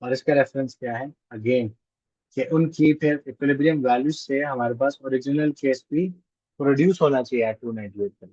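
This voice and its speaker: A man's voice: mid-range voice, moderate pace, darkish tone, husky, dry recording, muffled recording. A male chemistry teacher giving a classroom lecture, repeating key phrases and checking that students follow. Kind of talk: classroom lecture mixing Hindi and English.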